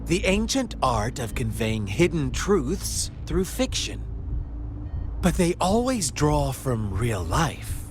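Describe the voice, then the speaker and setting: An actor voices a sly, mocking young male villain in a game cutscene, telling a fable in a theatrical, teasing way. His voice is a little high with big pitch swings, delivered slowly over game soundtrack music.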